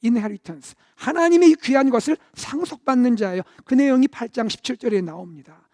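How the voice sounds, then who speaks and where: A middle-aged man preaching a sermon as senior pastor in a conversational way. His delivery swells to loud emphasis and then drops to near-whispers. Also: very high voice, lively intonation, a little fast, no room sound, studio quality.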